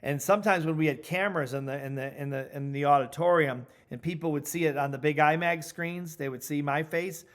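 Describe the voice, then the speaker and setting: This middle-aged coaching trainer delivers his instructional session with deliberate emphasis, going back over key points to drive them home. His pitch is fairly high and his tone fairly bright.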